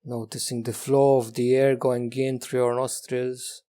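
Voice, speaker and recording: A teacher guiding a meditation, this man keeps a level tone in his mid-range voice and speaks gently, never rushing, pausing long between phrases.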